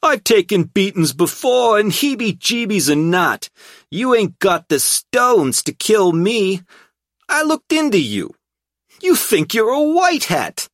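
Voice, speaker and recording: A man reading an audiobook voices a brash, sneering mob lawyer in a loud, high-pitched, dismissive tone. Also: very animated, takes it slowly, dry recording, studio quality, heavily acted. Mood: contemptuous.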